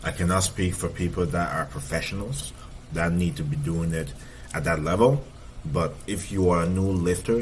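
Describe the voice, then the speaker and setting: A fitness coach in his thirties gives casual, emphatic reaction commentary, repeating points to stress them. His voice is low-pitched, and there's a little hiss or hum on the recording.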